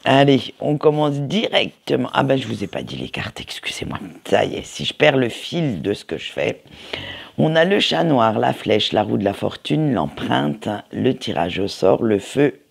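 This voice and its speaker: Husky gravelly guy doing his weekly tarot reading, slow and kind of hesitant, lots of ums. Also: mid-range voice, very animated. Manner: hesitant, many fillers and restarts. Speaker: tarot card reader.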